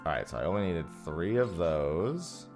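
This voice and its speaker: A man's voice: low-pitched, big pitch swings, moderate pace, a little mellow, faint music behind. A man streaming a game over a headset mic, chatting casually and thanking viewers. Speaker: livestreamer. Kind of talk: casual livestream chat while gaming. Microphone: headset mic, livestream audio.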